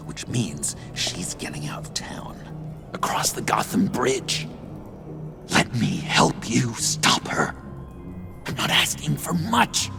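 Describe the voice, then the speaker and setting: An actor playing an eager, unstable, needy misfit in a video game, pleading and halting, with a theatrical delivery. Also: male voice, lowish voice, gravelly, heavily acted. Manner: pleading, halting, swinging from hushed to excitable. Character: eager, unstable, needy young misfit man, anxiously devoted.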